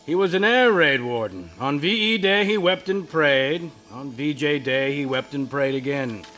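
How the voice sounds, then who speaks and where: A patient heavenly narrator, voiced by a man in a radio play. His voice rises and falls with lively storytelling, and faint music plays behind him. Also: a little high, unhurried. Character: calm heavenly male narrator, an angel's superior.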